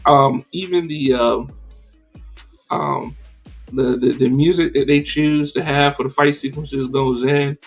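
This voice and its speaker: A man hosting a casual livestreamed podcast, talking in an animated, slangy and profane way with many fillers. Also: mid-range voice, measured pace, husky, lo-fi sound, faint music behind. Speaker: podcast host.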